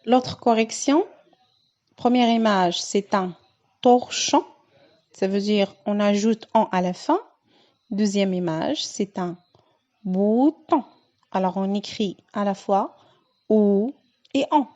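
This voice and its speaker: A woman teacher walks young children through a reading lesson at an unhurried pace. She draws out each key word with care, in a mid-range voice. The recording sounds dull and lo-fi. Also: medium pitch, a little mellow. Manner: slow and careful, stretching out key words.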